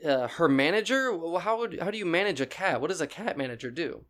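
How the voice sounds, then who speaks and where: A man hosting a mock talk show, asking mock-serious questions with lots of halting restarts. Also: on the high side, lively intonation, fairly bright tone. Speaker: host.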